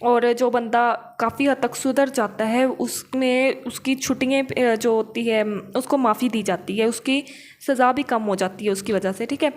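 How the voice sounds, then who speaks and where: Her pitch is fairly high, her tone steady and her pace measured. She is a law teacher explaining English legal passages after reading them out, teaching in a didactic style and frequently checking understanding with brief tag questions.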